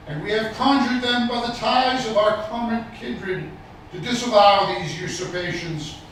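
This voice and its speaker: Echoey, high-pitched man in stately oratory. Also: a bit bright. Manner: lofty, stately oratory with deliberate pauses. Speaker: public reader at a commemorative event. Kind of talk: formal public recitation of a historical declaration. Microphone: distant microphone. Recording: distant, very echoey, some background noise.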